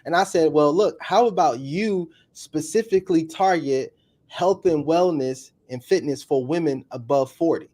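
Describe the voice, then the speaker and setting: Energetic man talking fast in bursts. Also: on the high side. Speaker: guest, YouTube coach. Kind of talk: casual interview talk.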